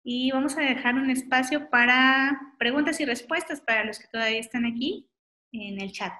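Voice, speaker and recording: A woman giving a webinar on low vision, talking in a friendly, informal way with many "este" fillers. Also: moderate pace, bright, forceful tone. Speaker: optometrist giving a webinar talk. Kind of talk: webinar lecture with audience questions.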